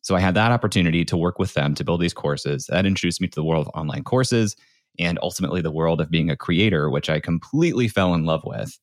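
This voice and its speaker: Deep-voiced man telling his story, dry sound. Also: no room sound. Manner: informal, peppers speech with "like". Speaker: podcast guest, startup founder turned creator. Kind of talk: conversational interview storytelling.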